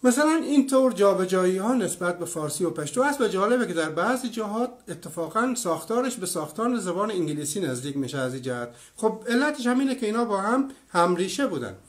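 Man in his fifties, from Iran, high voice, lecturer, explanatory, lots of examples, answers viewer comments. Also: sing-song, hardly any pauses. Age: 50s. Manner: explanatory, gives many examples. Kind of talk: online lecture with live chat.

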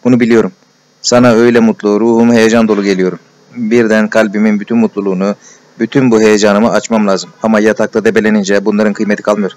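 A tender-hearted young clerk from a storybook, shy and overjoyed, pouring out his heart in breathless confiding rushes, as a man reads him. The voice sits low. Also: flat delivery, darkish tone, close to an everyday voice. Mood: fervent. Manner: emotional, breathless confiding, repeated endearments.

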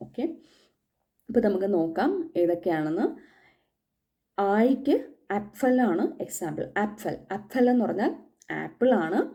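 Mellow-voiced woman teaching letters. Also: mid-range voice. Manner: patient, repeats each letter slowly. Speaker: German language teacher. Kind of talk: casual spoken lesson.

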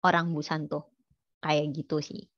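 A woman's voice: low-pitched, level tone, a little slow, no room sound, dull audio. Chatty woman teaching a language lesson. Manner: chatty, quizzing students with many fillers.

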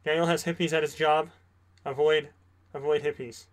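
A man co-hosting a casual podcast, chiming in with jokes and quick reactions. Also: on the high side, little pitch movement. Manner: joking, chimes in with quips. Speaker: podcast co-host. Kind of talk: casual chat.

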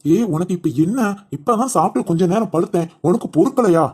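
A woman voicing a gruff, short-tempered village husband and father who scolds his wife quickly and sharply in a cartoon. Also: on the low side, animated, warm tone. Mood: irritated. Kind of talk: cartoon voice acting.

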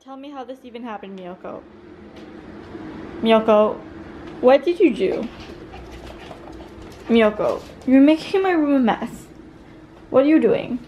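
A woman's voice: a little high, animated, measured pace, pauses often, mellow. A young woman vlogging casually to camera, chatty and playful, cooing fondly at her dog. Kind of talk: casual vlog talk to camera. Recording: noisy background hiss.

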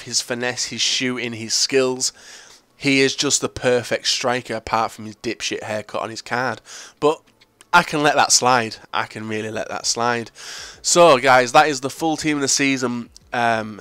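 A man's voice: mid-range voice, a bit bright, clear, resonant tone, no room sound. Young northern english guy chatting over football game clips, swears a lot, cheeky jokes. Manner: crude, joking, profane banter. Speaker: gaming YouTuber. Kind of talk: casual gameplay commentary.

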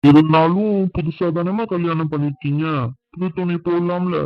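A man's voice: a little high, steady tone, moderate pace, no room sound, highs cut off, close to an everyday voice. A man voicing an older father-in-law in a cartoon, who speaks in a fatherly, firm way. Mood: gentle. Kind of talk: cartoon voice acting.

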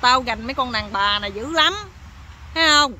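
A woman's voice: on the high side, expressive, normal speed, sharp tone, a little hiss or hum. A woman voicing a nosy, bossy older village man who scolds and exclaims, with a Southern Vietnamese accent. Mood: scolding.

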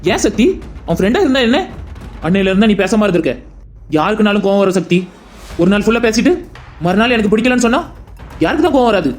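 A stern older brother in a family cartoon, played by a man lectures his sister with one rhetorical question after another. His voice sits high for a man and the words come quickly. Faint music plays beneath him. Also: expressive. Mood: lecturing. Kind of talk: cartoon voice acting.

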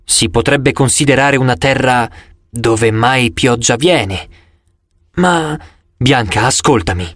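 Male narrator playing a grave huntress leader, measured and stern, dry close sound, storybook. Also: mid-range voice, fairly bright tone, no room sound. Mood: troubled. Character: stern young huntress leader, old-fashioned speech.

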